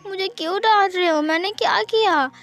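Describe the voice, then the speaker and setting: Woman putting on a clingy childlike young man, high whiny voice, slow drawn-out pleading. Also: a bit bright, full character voice. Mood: tearful.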